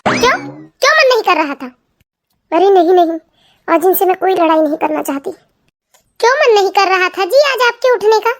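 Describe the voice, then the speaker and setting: A woman's voice: very high-pitched, lively intonation, moderate pace, pauses often. A woman voicing a hopeful, sulky young wife in a comedy cartoon, chatty and talking to herself. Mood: indignant. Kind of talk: cartoon family comedy voice acting.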